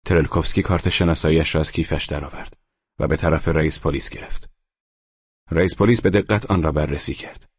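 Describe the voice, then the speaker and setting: A man narrating an audiobook novel in a measured, even storytelling manner. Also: very deep voice, breathy edge, no echo. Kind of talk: scripted literary narration. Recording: muffled lo-fi audio.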